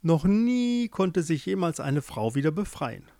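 A man's voice: a little high, sing-song, a little slow, gravelly, dark tone, dry recording, studio quality, heavily acted. A man voicing a talking flower in a fairy tale, with an earnest warning manner.

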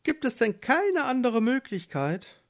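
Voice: medium pitch, big pitch swings, unhurried, pitched above the performer's own voice. A narrator voicing a desperate young pregnant wife in a storybook, pleading. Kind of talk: storybook reading.

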